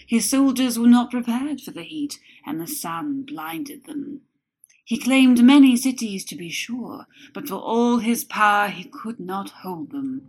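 A woman storyteller giving a scripted narration with a soft, dramatic delivery that often drops to a whisper. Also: on the high side, expressive, measured pace, poor audio. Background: music.

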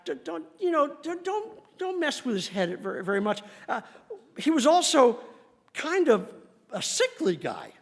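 A male pastor preaching a sermon in an animated, emphatic way, laughing often as he talks. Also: very high voice, moderate pace, vocal fry.

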